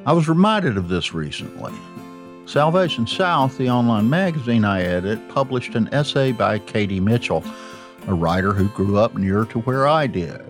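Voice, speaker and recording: A man from North Georgia with a North Georgia Southern accent, giving a measured, earnest scripted narration as a magazine editor. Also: fairly low pitch, lively intonation. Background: faint guitar music.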